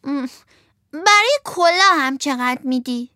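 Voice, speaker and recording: Squeaky eager puppet kid, woman doing the voice, hesitant, begging, dry close sound. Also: expressive, sharp tone, no echo. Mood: pleading. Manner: pleading, hesitant bargaining. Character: wooden puppet boy, naive and eager.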